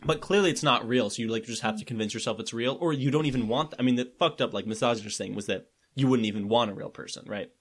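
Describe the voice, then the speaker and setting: A man's voice: mid-range voice, quick pace, hardly any pauses. A man co-hosting a casual comedy podcast, laid-back and swearing freely. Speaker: podcast co-host.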